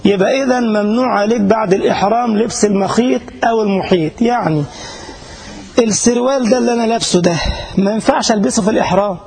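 A man's voice: high-pitched, fast, creaky, darkish tone, rough recording. A man with an Egyptian accent who is a sheikh giving a casual religious lesson to a live audience in Germany. He chats, jokes and keeps asking his listeners whether they follow. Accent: Egyptian Arabic. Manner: chatty and joking, addresses listeners directly, asks checking questions. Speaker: sheikh teaching a religious class. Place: class in front of an audience in Germany.

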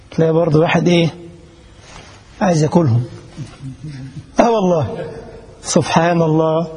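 A middle-aged Egyptian preacher who delivers his sermon in a high, husky voice with a gravelly edge. He keeps throwing rhetorical questions at the congregation. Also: darkish tone. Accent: Egyptian Arabic. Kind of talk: mosque sermon with storytelling.

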